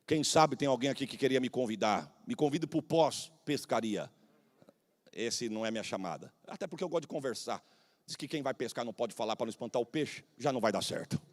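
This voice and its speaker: A Brazilian man in his forties, a pastor preaching a sermon, swinging between shouted proclamation and hushed, humorous storytelling. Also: medium pitch, animated, fairly quick, in a large hall. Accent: Brazilian Portuguese. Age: 40s. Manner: humorous, folksy anecdotes.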